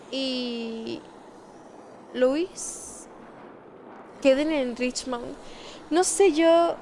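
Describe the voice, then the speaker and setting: A woman's voice: sits high, slight background noise. A woman chatting casually and emotionally while streaming a game. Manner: emotional, rambling, laughing often. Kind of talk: casual gameplay chat.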